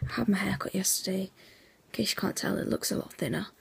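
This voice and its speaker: A young woman chatting casually in a vlog, her voice hoarse and nearly gone, half-whispering and sleepy, rambling with lots of fillers. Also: medium pitch, a little fast. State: sleepy, yawning. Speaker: vlogger.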